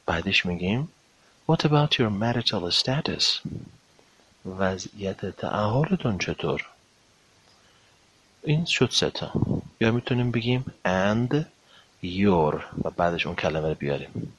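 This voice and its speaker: A man teaching a language lesson, drawing out English example phrases slowly between brisker explanations. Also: deep voice, expressive, fairly bright tone, slightly rough, dry recording. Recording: dull lo-fi recording.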